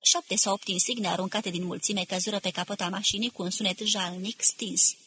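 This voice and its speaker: A woman narrating an audiobook in a steady, measured reading. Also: medium pitch, breathy edge, no room sound.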